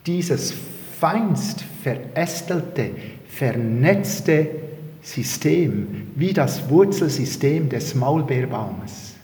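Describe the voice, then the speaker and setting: A man, praying and then preaching from the Bible in an earnest, measured way with pauses and restarts. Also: on the high side, animated, darkish tone. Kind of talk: prayer and Bible sermon. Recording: roomy hall reverb.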